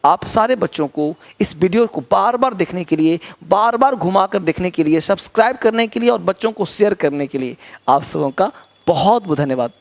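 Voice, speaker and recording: A man's voice: sits high, animated, moderate pace, gravelly. Male teacher, classroom lesson, repeats each word, contrasts right and wrong sounds, checks students follow. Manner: drills words by repeating right and wrong pronunciations; addresses students directly and checks they follow. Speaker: English teacher.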